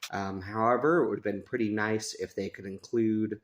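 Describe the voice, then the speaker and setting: A radio reviewer gives a casual, chatty, hands-on product review from a sunroom at a house, rambling and poking fun at himself as he goes. His voice is lowish and steady, at a moderate pace.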